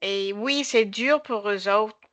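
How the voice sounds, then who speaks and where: A bright-voiced woman moderates an informal panel at a slow pace. She has a foreign accent in French, that of an English-speaking Canadian, and often searches for her words. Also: mid-range voice. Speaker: discussion moderator.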